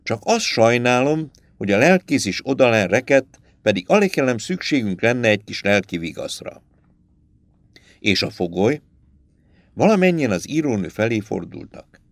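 A male audiobook narrator reads a tense story, giving each character a voice of its own. His pitch swings widely from low murmurs to sharp high cries. The recording is dry and close, with no room sound. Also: very animated, no room sound. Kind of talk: dramatic audiobook reading.

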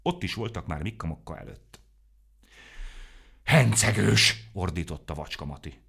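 A man narrating a children's story in an expressive, animated way. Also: rumbling low, husky. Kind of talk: storybook reading.

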